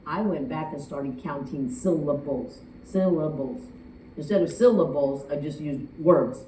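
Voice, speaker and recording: Woman judge addressing an audience; lowish, warm voice, roomy distant sound. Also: slight background noise. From United States. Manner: animated, chatty, with sung and acted quotes. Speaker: speech contest judge. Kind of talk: speaking to an audience. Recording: echoey room from far off.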